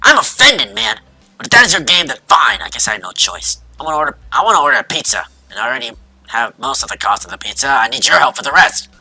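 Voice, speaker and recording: A man voicing a paranoid, excitable young man who schemes and mooches, in a silly put-on accent. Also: mid-range voice, quick pace, soft background music, full character voice. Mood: wheedling.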